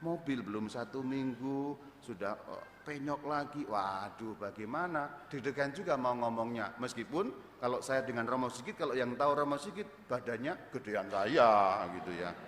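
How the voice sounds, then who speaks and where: Lively male priest in echoey church. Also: medium pitch, moderate pace, a little hiss or hum. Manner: lively storyteller, acts out surprise, loud bursts. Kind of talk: homily telling a personal story. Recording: echoey church with long reverb.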